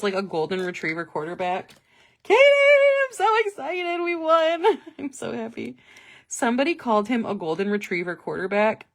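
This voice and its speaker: Chatty, excitable woman on a live stream. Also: medium pitch. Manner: chatty, excitable, lots of "like" and laughter. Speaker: planner stencil shop host. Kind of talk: casual live-stream chat. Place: office. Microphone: live-stream webcam mic.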